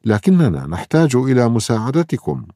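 A man's voice: medium pitch, sing-song, brisk, creaky, dark tone, no echo, clean studio sound, pitched above the performer's own voice. A man voicing a determined young boy who speaks with eager confidence.

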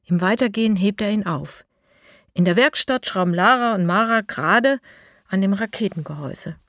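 A woman narrating a children's storybook in a clear, even reading voice. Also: mid-range voice, normal speed, no echo, studio quality.

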